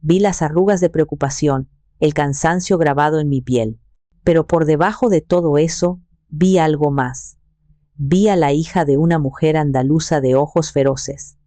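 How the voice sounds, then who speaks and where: A woman in her sixties narrating a first-person story in a calm, measured way. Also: deep voice, dry recording. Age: 60s.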